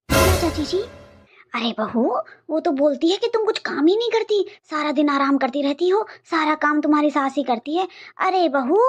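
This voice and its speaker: A woman voicing gossiping relatives in a cartoon family skit, in an animated way. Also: very high voice. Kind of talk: comic cartoon voice acting.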